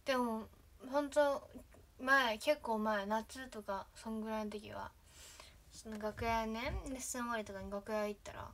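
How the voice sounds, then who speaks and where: Chatty high-voiced young woman livestreaming. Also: steady tone, unhurried. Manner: chatty, rambling, trails off into soft asides. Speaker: idol trainee livestreaming. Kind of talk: casual livestream chat.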